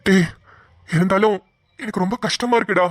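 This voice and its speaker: Cartoon role: stern, nagging older man, mid-pitched, played by a woman. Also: a little fast, dry recording, studio quality, natural voice. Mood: exasperated. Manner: scolding, repetitive pleading. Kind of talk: cartoon voice acting.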